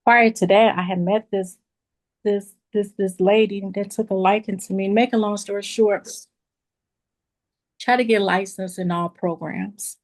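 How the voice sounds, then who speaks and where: A woman tells her story as a beauty school owner. She is animated and emotional, and she speaks straight to her listeners. Her voice sits at a middle pitch. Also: a little slow.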